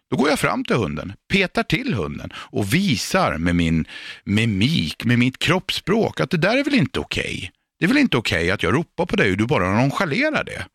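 A man working as a dog trainer, giving calm, patient and emphatic instruction for radio or a podcast. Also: mid-range voice, gravelly, dry recording, studio quality.

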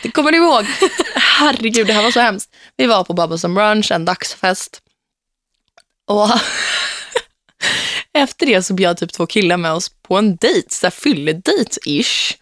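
A young woman hosts a casual podcast with an animated storytelling manner. She acts out quotes and laughs often. Her pitch sits mid-range and the sound is close and dry. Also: no echo. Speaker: podcast host.

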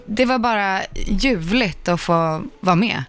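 A woman who acts and does comedy, a guest on a radio show, telling stories in casual chat and laughing often. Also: medium pitch. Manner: animated storyteller, laughs often.

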